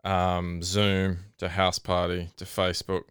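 A man hosting a podcast in casual banter, with dry, deadpan jokes. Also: low voice, a little slow, smooth, no echo. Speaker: podcast host.

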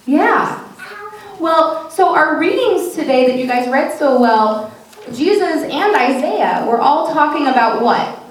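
Inside a large, reverberant church, a woman pastor speaks slowly in a high, animated voice, using simple, encouraging language as if giving a children's message and sermon. She poses easy questions and echoes the replies, and the distant mic picks up heavy echo and faint noise.

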